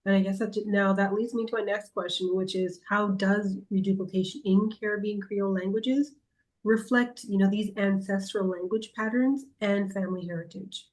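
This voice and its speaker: A woman's voice: mid-range voice, fairly even intonation, normal speed, darkish tone, low-quality recording. A woman hosting a podcast, asking conversational interview questions and giving brief backchannel murmurs. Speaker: podcast host.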